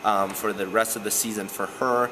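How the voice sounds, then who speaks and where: Low-voiced young man coaching, earnest. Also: normal speed, noisy background. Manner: earnest, steady, frequent "um" fillers. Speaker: softball coach. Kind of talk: postgame interview. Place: gym, indoors.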